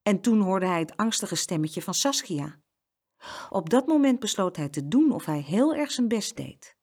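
Lady reading a kids story out loud, super lively voice, expressive. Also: mid-range voice, normal speed, slightly rough. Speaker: narrator.

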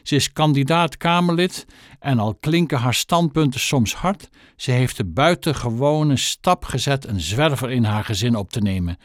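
A man narrates a children's story in an expressive, storytelling manner. His pitch moves lively up and down. The recording is dry and close, with no room sound. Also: moderate pace, no room sound. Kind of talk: audiobook narration.

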